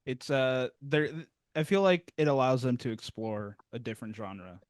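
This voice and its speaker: At a normal speed and medium pitch, a man hosting a music review interview rambles casually, poking fun at himself and frequently starting over. The sound is close and dry, without any room echo.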